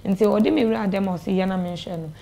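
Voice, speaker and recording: A young adult woman with a Ghanaian accent, appearing as an interview guest, tells a personal story and retells conversations along the way. She talks quickly in a warm, medium-pitched voice with vocal fry. The setting is a small indoor TV studio, with a clip-on lapel mic.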